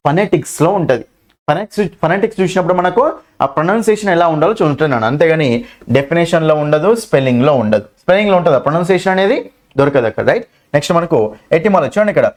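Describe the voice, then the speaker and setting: Fast-talking Telugu-accented man teaching grammar. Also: high-pitched. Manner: quick, repetitive checks with listeners, reads questions slowly. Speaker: English teacher. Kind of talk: exam-prep grammar lesson.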